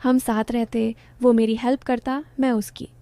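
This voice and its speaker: A woman's voice: fairly high pitch, level tone, normal speed, dark tone, no echo. A woman narrating an emotional first-person story in a confiding storytelling manner.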